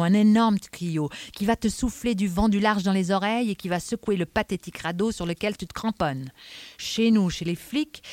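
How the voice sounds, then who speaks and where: A woman reading aloud, voicing an irritable male police inspector who speaks in a forceful, emphatic, scolding way. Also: medium pitch, no echo, pitched above the performer's own voice, lightly acted.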